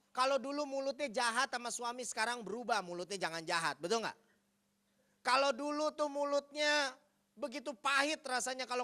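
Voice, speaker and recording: A male pastor preaching a sermon, telling stories and acting out dialogue, swinging from hushed to loud. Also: high-pitched.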